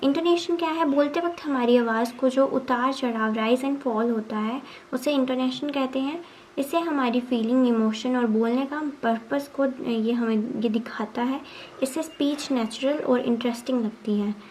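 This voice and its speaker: High-pitched woman teacher going over exam notes, asks and answers her own questions, faint hiss behind. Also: normal speed, darkish tone, rough recording. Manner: mixes English terms into Hindi, often says 'ठीक है'. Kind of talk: exam revision lesson.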